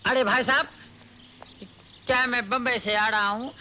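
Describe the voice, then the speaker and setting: An actor playing a brash, cheeky comic man who speaks in quick comic banter, in a 1990s film comedy. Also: very high-pitched, fairly even intonation, pushed and bright, a little hiss or hum, exaggerated voice. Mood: chatty.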